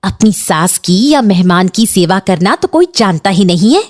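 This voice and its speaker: A woman's voice: medium pitch, lively intonation, moderate pace, darkish tone, lightly acted. Woman voicing a fussy scolding aunt. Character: bossy demanding older aunt, visiting guest. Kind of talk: Hindi cartoon voice acting.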